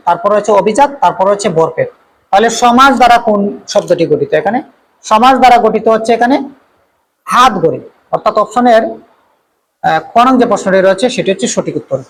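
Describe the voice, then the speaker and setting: High-voiced male teacher, repeats each question. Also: low-quality recording. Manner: repeats each question and reads out the options before giving the answer; frequent drawn-out "uh" fillers. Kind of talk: exam-prep lesson going through multiple-choice questions.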